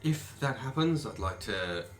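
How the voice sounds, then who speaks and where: A man chatting casually as a player in a tabletop game, wry, wordy and a little halting. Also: medium pitch, lively intonation, faint music behind.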